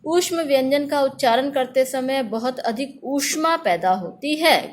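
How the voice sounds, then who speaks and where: A middle-aged woman teaches a grammar lesson in a fairly high voice. She drills the letters one by one, loud and slow, so her pupils can repeat after her.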